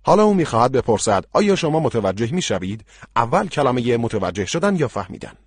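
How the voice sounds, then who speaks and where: A male language-course instructor giving scripted explanations at a slow, deliberate pace. His middle-pitched voice rises and falls with lively intonation and is slightly husky. It is recorded dry on a studio microphone. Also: no room sound.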